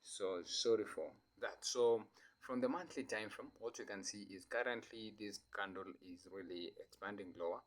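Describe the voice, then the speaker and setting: A trading analyst who has the flu walks through charts in a casual screen-share session. His voice is fairly low and his pace normal, and he speaks hesitantly, with plenty of fillers and restarts.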